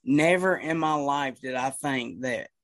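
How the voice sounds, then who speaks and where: A podcast host from Kentucky with a Southern drawl, chatting in an easygoing way. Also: male voice, medium pitch, measured pace, fairly bright tone, no room sound. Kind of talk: casual chat.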